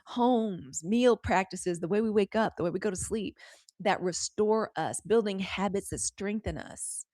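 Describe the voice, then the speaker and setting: A woman in her forties hosting a live news stream, chatting straight to her viewers in a lively, candid way. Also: mid-range voice, measured pace, dry recording, studio quality. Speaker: host of a live news show. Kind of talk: casual live-stream commentary.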